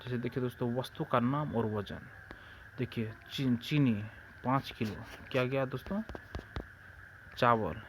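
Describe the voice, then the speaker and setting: A man with a Bihari Hindi accent teaches an exam-prep grammar lesson in a mid-range voice, unhurried and with long pauses. He repeats himself, asks and answers his own questions, and keeps addressing his friends, over a little hiss or hum.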